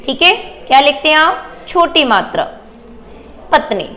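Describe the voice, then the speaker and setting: A woman teacher giving a Hindi grammar lesson, explaining slowly and asking and answering her own questions. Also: high voice, big pitch swings, bright, forceful tone, slight background noise.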